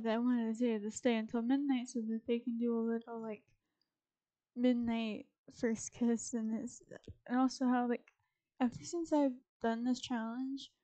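A young woman with a warm, higher-pitched voice offers laid-back commentary on her Sims gameplay. As a gaming YouTuber, she rambles freely and chats with her characters.

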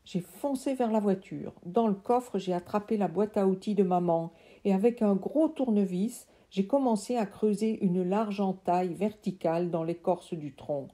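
A woman reading a children's fantasy novel aloud, calm and measured. Her voice is mellow and warm, never sharp. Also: mid-range voice. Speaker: reader.

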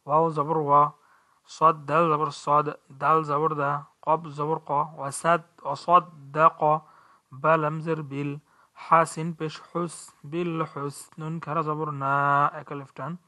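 A man with a Bangladeshi Bengali accent gives a recitation lesson at an unhurried pace. He spells out every letter and vowel, then recites the verse in a drawn-out way. His voice is bright and clear, and his pitch stays flat and steady. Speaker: Quran recitation teacher.

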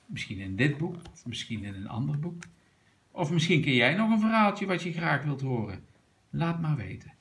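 A man reading a children's picture book aloud to a young child, gently pointing out what is in the pictures. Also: a little high, big pitch swings, moderate pace. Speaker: reader of a children's story.

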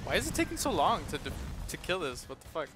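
A man's voice: a little high, wildly swooping pitch, quick pace. Young man rambling over gameplay, swearing. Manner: rambling, swears a lot, laughs often. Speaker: gaming video host. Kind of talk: casual gameplay commentary. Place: at home. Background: game music.

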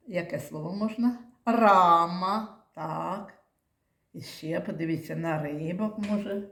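Female teacher for a children's literacy class, slow and patient delivery, mic at a distance in a very echoey room. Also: lowish voice. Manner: slow, drawn-out, coaxing teacher voice with frequent praise. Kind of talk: literacy lesson for small children.

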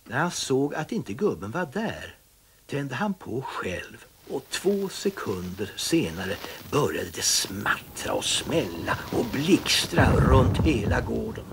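A man reading a children's story aloud with expressive, dramatic storytelling. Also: mid-range voice, creaky, slight background noise.

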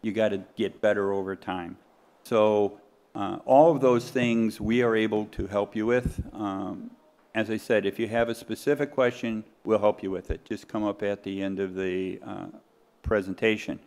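A man with a fairly low voice leads a panel at a conference. His delivery is plain and instructive as he opens the session and hands a question over to the panel. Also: fairly even intonation, normal speed, a little mellow. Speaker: panel moderator. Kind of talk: conference keynote panel talk. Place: conference hall stage, in front of an audience.

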